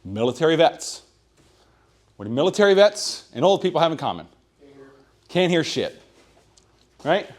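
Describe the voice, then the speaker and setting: A man giving a sales training talk at a meeting, projecting loudly and checking in with "right?" after his points. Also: on the high side, sing-song, normal speed, long pauses. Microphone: room microphone.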